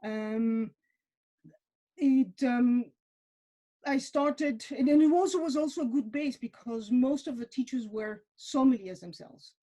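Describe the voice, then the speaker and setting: Her voice is high-pitched and dark in tone, and she keeps a measured pace. She's a woman in her forties from Mexico who works in wine, chatting informally as a webinar guest with lots of fillers and repetitions.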